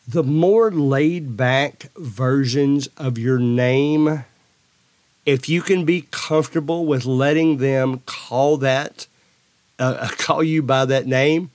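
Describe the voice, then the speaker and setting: A man's voice: on the high side, dry recording. A man hosting a solo podcast, giving earnest advice to substitute teachers and repeating phrases as he finds his words. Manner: drops into a dull monotone for emphasis.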